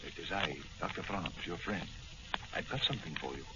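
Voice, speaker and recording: An actor playing a secretive, assured doctor friend in an old 1940s-style radio drama, speaking in a confiding, emphatic way. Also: male voice, low-pitched, fairly quick, lightly acted. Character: secretive doctor friend offering a miracle formula. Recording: noisy, muffled old-time radio recording.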